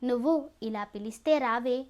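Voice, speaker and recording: A woman's voice: on the high side, normal speed, darkish tone, close to an everyday voice. A woman voicing a cruel young male villain in an audio story, taunting and threatening. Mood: menacing. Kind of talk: storybook narration.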